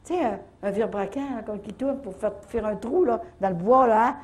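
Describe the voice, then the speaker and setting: Older woman with a Canadian French accent, retreat speaker, husky voice, lively storyteller. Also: fairly high pitch, brisk. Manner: lively storytelling with frequent "là, hein" tags. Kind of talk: faith testimony storytelling.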